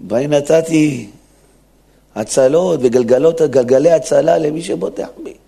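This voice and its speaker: A man's voice: fairly high pitch, gravelly, mellow, breathy edge. A man, a rabbi, giving an emphatic Torah sermon in a synagogue, acting out the quotes as he preaches. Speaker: rabbi giving a weekly lesson.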